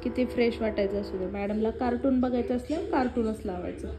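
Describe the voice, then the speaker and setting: A young woman vlogging at home, switching between sing-song baby talk to her toddler and calmer asides to viewers. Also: a little high, brisk, reverberant, background noise. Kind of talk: casual family vlog, talking to a toddler and the camera.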